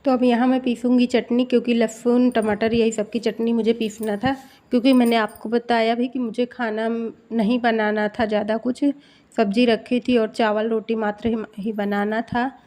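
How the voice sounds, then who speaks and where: A woman's voice: fairly high pitch, little pitch movement, moderate pace, dark tone. A middle-aged woman chatting casually to viewers in a home vlog, first on a walk outdoors and then in her kitchen. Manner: chatty, addresses viewers as friends. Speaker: vlogger.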